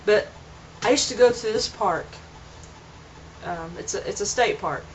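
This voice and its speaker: A woman's voice: medium pitch, unhurried, a little hiss or hum. A young woman talking earnestly in a casual vlog, rambling and restarting her sentences, recorded on a camera mic at home. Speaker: vlogger. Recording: dull lo-fi home video.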